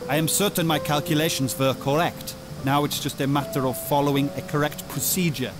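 A man's voice: on the high side, fairly even intonation, brisk, lightly acted. An actor voicing a commanding, theatrical male doctor who brings the dead back to life in a video game. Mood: instructing.

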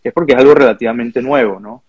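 A Venezuelan chef who owns a restaurant talks earnestly and thoughtfully on a video call, his Venezuelan Spanish full of restarts and "¿no?" tags. His mid-range voice is steady, quick, darkish, and slightly rough, heard through earbuds. He sits indoors in a home or office room with pictures hanging on the wall.

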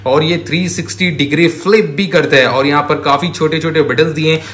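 The host of a toy showcase channel, a man with a slightly high, fairly bright voice, talks briskly as he enthusiastically shows off products. He gushes and addresses viewers as friends. The recording has a roomy echo and audible background noise.

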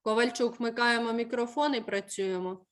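A woman teacher running a lesson with a brisk, instructive manner, stretching out words as she dictates them. Her voice sits fairly high for a woman. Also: fairly even intonation. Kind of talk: online school lesson.

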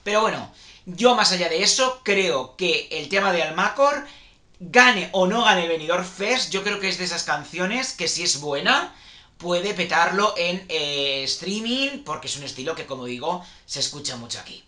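Male vlogger, bright and sharp tone, talky and opinionated. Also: high-pitched, lively intonation, moderate pace. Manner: chatty, opinionated, reassuring the viewers. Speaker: music channel host. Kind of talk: casual opinion commentary. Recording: echoey room.

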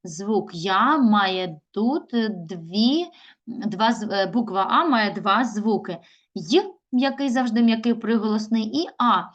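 A middle-aged woman teaches young children in a recorded video lesson. Her voice sits in an ordinary middle range. She often slows down to stretch words out syllable by syllable. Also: medium pitch, fairly bright tone. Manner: slow, drawn-out syllables when sounding out words. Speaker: primary school teacher.

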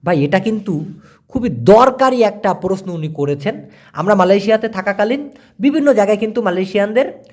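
A man from Bangladesh gives a casual vocabulary lesson in a high, lively voice that climbs and dips a lot. He is chatty and folksy, leaning on everyday examples and rhetorical questions. He spells out phrases slowly, repeating them at half speed. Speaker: language teacher. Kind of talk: casual lesson explaining words.

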